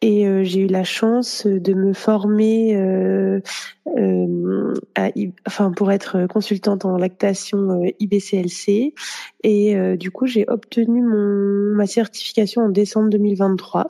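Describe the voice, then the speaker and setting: A woman in her thirties with a mellow, warm voice. She answers interview questions casually, hesitating often with fillers as she explains her nursing work. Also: medium pitch, little pitch movement, a little slow, gravelly. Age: 30s. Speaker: guest, pediatric nurse and lactation consultant.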